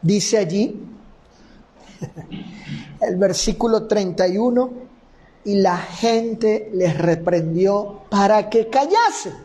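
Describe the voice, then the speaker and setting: A man's voice: high-pitched, animated, slow pace, long pauses, mellow, rough recording. A man teaching a Bible lesson, reading scripture and then explaining it point by point to his listeners. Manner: addresses listeners as brothers.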